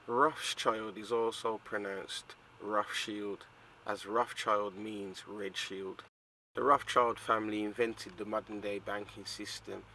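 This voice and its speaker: A man narrating a teaching video, reading scripture passages aloud in a measured way. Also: fairly low pitch, a little hiss or hum, poor audio. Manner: steady, measured reading of quoted texts. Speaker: preacher narrating.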